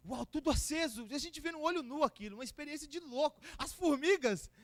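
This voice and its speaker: A man with a São Paulo accent, preaching a lively testimony sermon and acting out the people in his story in slangy street talk. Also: extremely high pitch, fast, no room sound. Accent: São Paulo Portuguese. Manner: animated storytelling with slang and acted-out quotes. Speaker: pastor.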